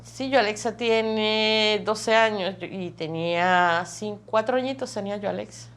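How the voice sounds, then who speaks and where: A woman's voice: mid-range voice, unhurried, fairly bright tone. A woman, giving an emotional personal testimony in vivid, repetitive storytelling that piles up phrases. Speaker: testimony guest.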